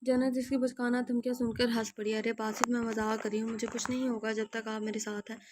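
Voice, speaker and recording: A hoarse woman reading a romance novel aloud and voicing all its characters, often clearing her throat and restarting words. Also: level tone, background noise. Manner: narrow pitch range, stumbles and restarts words. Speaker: audio novel narrator.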